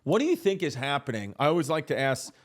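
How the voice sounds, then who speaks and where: A man's voice: a little high, sing-song, fast. A man hosting a casual podcast, rambling and repeating himself as he talks. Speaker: podcast host. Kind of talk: casual conversation.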